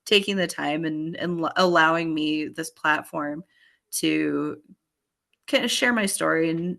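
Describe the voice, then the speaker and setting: A woman in her thirties, a podcast guest, chatting upbeat and rambling, her voice going hoarse. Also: deep voice, fairly bright tone. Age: 30s. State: hoarse, voice failing. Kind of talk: casual chat.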